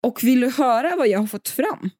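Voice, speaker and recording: A woman's voice: high voice, lively intonation, darkish tone, no echo. Chatty young woman, dry close podcast mic. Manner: chatty, rambling with restarts and laughter. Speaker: podcast co-host. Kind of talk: casual podcast chat.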